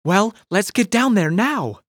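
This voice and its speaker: Guy doing an irritated tipsy lady, snappy questions, voice pushed up higher, dry close read. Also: animated, a little slow, slightly rough, no room sound, full character voice. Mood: exasperated. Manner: sharp, exasperated questioning. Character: frustrated, tipsy young woman, blunt.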